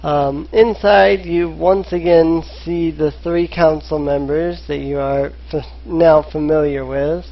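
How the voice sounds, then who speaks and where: Slow gravelly game master, hesitant, lots of ums, lo-fi audio. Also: medium pitch, fairly even intonation. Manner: hesitant, many filler sounds. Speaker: dungeon master. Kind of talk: narrating a tabletop game. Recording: dull lo-fi online recording.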